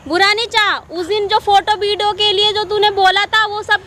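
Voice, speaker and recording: A woman's voice: extremely high pitch, little pitch movement, normal speed. A woman playing a defiant, scornful stepdaughter. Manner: scornful, commanding, shouting orders. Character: angry young adult stepdaughter, harsh and defiant. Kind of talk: amateur street skit acting.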